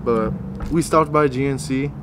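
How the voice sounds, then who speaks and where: A man's voice: medium pitch, normal speed, background noise. A young man talking casually to viewers as a fitness vlogger, in a hyped, slangy gym-bro manner. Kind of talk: casual vlog chat to viewers.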